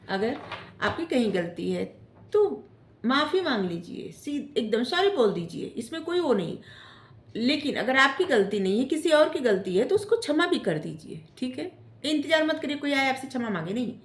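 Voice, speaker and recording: Woman tarot reader, casual coaching delivery, slightly high voice, echoey room. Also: sing-song, normal speed. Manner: gentle coaching tone, ends phrases with "theek hai?". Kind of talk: casual spiritual advice talk.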